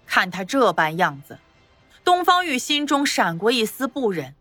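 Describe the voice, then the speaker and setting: A woman giving expressive scripted narration for a palace audio drama. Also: on the high side, normal speed, no echo, faint music behind.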